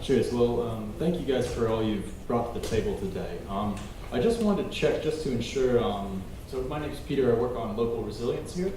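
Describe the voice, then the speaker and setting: A man's voice: medium pitch, animated, normal speed, dark tone. A man in the audience speaking politely and tentatively as he puts a question to the room. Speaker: audience member, local resilience worker. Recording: echoey room, distant mic, faint noise.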